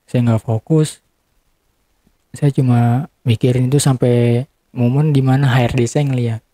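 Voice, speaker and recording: A young man in an interview telling an emotional personal story, halting and often repeating or restarting his words. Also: mid-range voice, steady tone, warm tone, no room sound.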